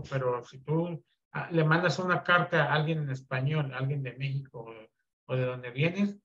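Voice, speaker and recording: A man teaching a basic computer class over a video call, relaxed, with many fillers and check-in questions. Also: a little high, muffled recording.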